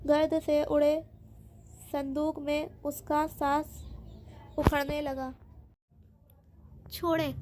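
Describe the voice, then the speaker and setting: A woman narrating a novel as an audiobook in a steady, dramatic reading. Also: high-pitched, slight background noise.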